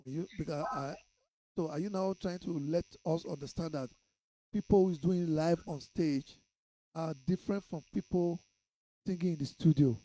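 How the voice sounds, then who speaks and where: A Nigerian-accented man hosting a radio interview, with a somewhat high but mellow, warm voice. He asks questions in a playful, probing way and slips into pidgin now and then. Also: moderate pace, low-quality recording. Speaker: radio host.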